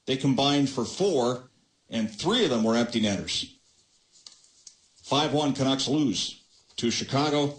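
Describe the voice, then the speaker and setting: A man hosting a post-game call-in show with a smooth radio host delivery, brisk and measured as he recaps and takes calls. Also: mid-range voice, roomy sound, rough recording. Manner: brisk, measured, recaps then hands off to callers.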